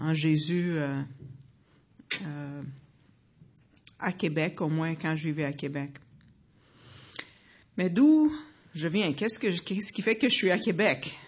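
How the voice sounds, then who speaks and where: Speaking in a deep voice, a woman from the United States in her fifties gives her personal testimony of faith before an audience. Her delivery is earnest and halting, full of fillers and restarts.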